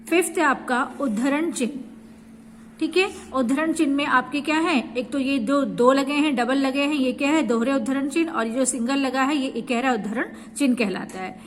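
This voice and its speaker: A woman teacher explaining a grammar lesson to students, asking herself questions and answering them as she goes. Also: high voice. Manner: explains step by step with repeated rhetorical questions. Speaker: school teacher. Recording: echoey room with faint background hiss.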